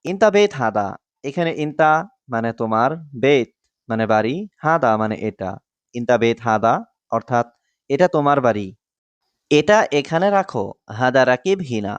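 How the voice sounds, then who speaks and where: A man reading out a scripted language lesson, repeating each phrase and explaining it word by word in a measured way. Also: mid-range voice, animated, clean tone, no echo, muffled recording. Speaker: language teacher.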